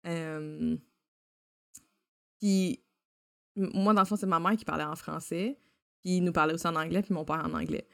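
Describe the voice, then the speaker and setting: A woman with a Quebec French accent chats animatedly in a slightly low voice. She drops English words into her French. Her voice sits close and dry in the mic. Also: fairly even intonation, moderate pace, vocal fry, long pauses, a bit bright, no room sound. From Ontario. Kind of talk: casual conversation.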